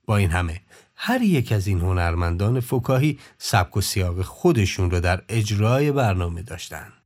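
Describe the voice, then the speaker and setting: A man narrating a documentary podcast in a measured, informative scripted tone. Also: on the low side, big pitch swings, darkish tone.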